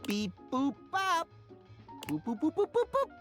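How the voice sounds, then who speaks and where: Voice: wildly swooping pitch, measured pace, fairly bright tone, soft background music, heavily acted. Dishy, an actor voicing a beeping robot dishwasher. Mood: robotic. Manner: sweeping swoops from high squeaks to deep low tones. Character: pompous talking dishwasher, grandiose and self-important. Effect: robot voice, chanting beeps and boops like a machine. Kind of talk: video game character voice.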